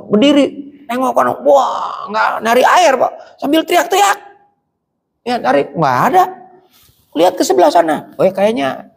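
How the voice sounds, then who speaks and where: A male preacher telling a religious story in an animated way, who keeps turning to his listeners directly. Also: high-pitched, gravelly. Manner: animated, keeps addressing the audience as "Pak". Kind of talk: Islamic sermon storytelling. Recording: echoey hall reverb.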